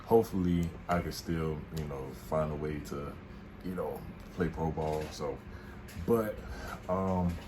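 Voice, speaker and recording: This vlogger is a twenty-something man with an unhurried bass voice, goofing around casually on a couple's vlog. He's relaxed and keeps hyping himself up, and there's noise in the room.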